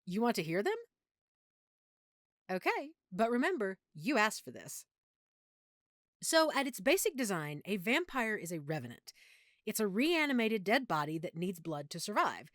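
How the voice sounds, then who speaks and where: For an audio roleplay, a woman plays a loving, opinionated girlfriend with a geeky side, her pitch bouncing in a sing-song way as she explains things playfully and fussily. She talks at a moderate pace with frequent pauses and a fairly bright tone, sounding animated and opinionated. The recording is dry and close with no room sound, like one side of a chat between partners.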